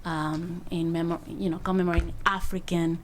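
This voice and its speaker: A woman's voice: on the low side, level tone, moderate pace, background noise. A woman from Venezuela, a council member telling a personal story in public remarks.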